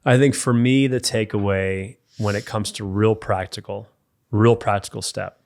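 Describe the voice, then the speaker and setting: A men's mentor and podcast co-host gives practical faith-based advice in an emphatic, direct style. His voice is on the low side, creaky and darkish, with fairly even intonation at normal speed. The talk is faith-based coaching.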